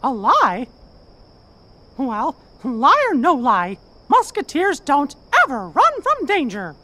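Cheerful cartoon mouse hero, squeaky falsetto, bouncing pitch, game music under. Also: male voice, wildly swooping pitch, takes it slowly, sharp tone, heavily acted. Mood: earnest. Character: cheerful plucky cartoon mouse musketeer, male.

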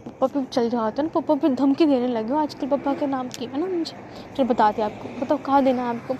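A woman's voice: high voice, a little fast, noisy background, lightly acted. Woman doing bossy squealing young girlfriend. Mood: flustered. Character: excitable young woman lover, playful and bossy. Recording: dull lo-fi with faint ambience.

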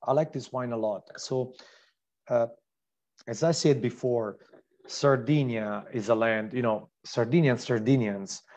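An Italian-accented man hosts an online wine tasting and describes each wine eagerly, with plenty of fillers and restarts. His voice sits at a middle pitch. The stream audio sounds dull and lo-fi. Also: a little mellow. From Italy.

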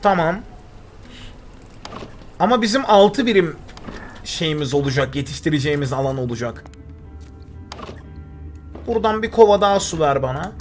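Lively young man streaming a game. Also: fairly high pitch, normal speed, pauses often, soft background music. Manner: chatty, talks to himself and reads chat aloud. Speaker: gaming streamer. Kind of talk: live gameplay commentary.

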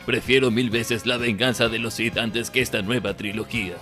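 A man's voice: medium pitch, fairly even intonation, moderate pace, sharp tone. A man with a Latin American Spanish accent voicing a grumpy, sardonic old evil emperor in a comic parody review. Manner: sardonic, exasperated, swearing. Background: background music.

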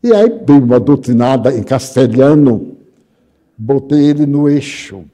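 An older man with a Brazilian Portuguese accent giving an animated storytelling lecture as a spiritist speaker. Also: mid-range voice, measured pace. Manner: animated, acts out dialogue with lively voice shifts.

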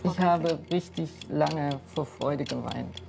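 A woman's voice: deep voice, slow pace, gravelly, a little mellow, a little hiss or hum. A woman guest on a studio talk show, speaking thoughtfully with frequent hesitations. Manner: thoughtful, hesitant, many fillers. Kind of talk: studio discussion.

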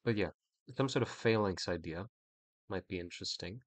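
A young man with a deep, stuffy and slightly nasal voice talks at a moderate pace as he sketches a creature design on a livestream. His thinking-aloud chatter rambles and keeps restarting, and the recording carries no room sound.

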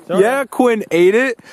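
A young adult man vlogs casually on a ski slope and chairlift, excited, chatty and laughing often. He has a high-pitched voice and draws out his words. The action camera held at arm's length picks up a little hiss or hum.

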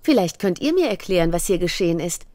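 Kind earnest elf princess, lively game dialogue, lots of pitch movement. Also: female voice, fast talker, dry recording. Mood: curious. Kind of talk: video game character dialogue.

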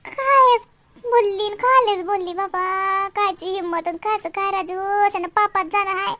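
A woman playing a very high-voiced long-suffering aunt. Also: fairly even intonation, unhurried, bright, forceful tone, heavily acted. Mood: fervent. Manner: pleading, preachy about endurance. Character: middle-aged long-suffering aunt, a patient wife. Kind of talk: comedy skit acting.

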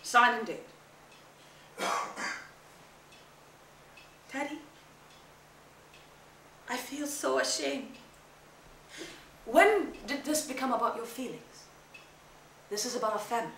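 A woman's voice: high-pitched, lively intonation, takes it slowly, creaky, long pauses, fairly bright tone, far from the mic, a little hiss or hum, full character voice. A woman acting a demanding middle-aged immigrant mother who scolds in clipped commands, heard from afar in a roomy space. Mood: stern. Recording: roomy stage sound from afar.

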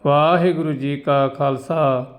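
A man's voice: on the high side, steady tone, slow pace, dull audio. A man teaching scripture recitation, correcting pronunciation and closing with a formal, devotional prayer.

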